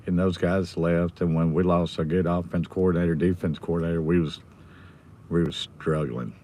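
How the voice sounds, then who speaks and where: An American livestream host with a low voice chats casually with his viewers from his car in a school pickup line, with some background noise. His voice is hoarse and nearly gone, so he keeps things subdued and his volume down.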